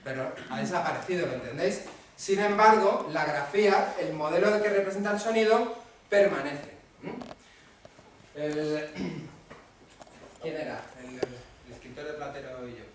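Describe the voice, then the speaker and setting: A man's voice: fairly high pitch, moderate pace. A man with a Spanish accent from Spain, giving a casual lecture to parents and often checking in with his audience. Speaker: speaker at a talk for parents. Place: hall at a parents' association talk. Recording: very echoey room, mic far off, faint noise.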